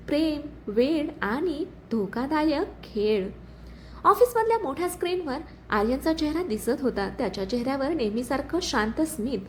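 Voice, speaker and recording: A woman narrating a drama story in an expressive, dramatic scripted reading. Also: high voice, a little hiss or hum.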